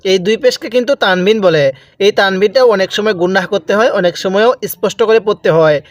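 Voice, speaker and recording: Man, Bangladeshi accent, Quran reading teacher, drawn-out recitation, fairly high pitch, dry close sound. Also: no room sound. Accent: Bangladeshi Bengali. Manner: drawn-out recited words between quick explanations. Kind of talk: slow spelled-out Quran reading lesson.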